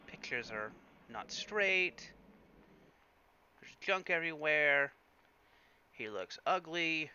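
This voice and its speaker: A man's voice: on the high side, expressive, takes it slowly, pauses often, bright, forceful tone, clean tone, dull audio. A man hosting a let's play, giving chatty, casual game commentary full of fillers.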